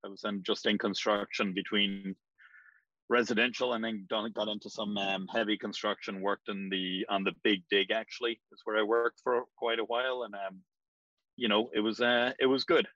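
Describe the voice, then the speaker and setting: A middle-aged Irish man talks through his answers loosely, pausing on ums and restarting his sentences. His voice sits a little low and sounds dry and close. The recording is dull and slightly lo-fi. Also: flat delivery, bright, forceful tone, no room sound. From Ireland. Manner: rambling, hesitant with frequent ums. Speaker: real estate agent, guest. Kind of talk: casual interview answers.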